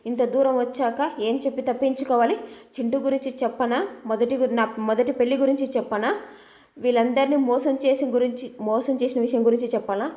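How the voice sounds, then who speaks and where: A woman's voice: on the high side, fairly even intonation, fairly quick, mellow, echoey room, natural voice. Woman reading as a cornered tearful daughter-in-law. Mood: desperate. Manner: anxious, pleading.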